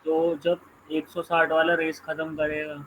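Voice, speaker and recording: Male student, monotone and hesitant, faint background noise. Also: fairly high pitch, unhurried, poor audio. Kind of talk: asking questions in an online class.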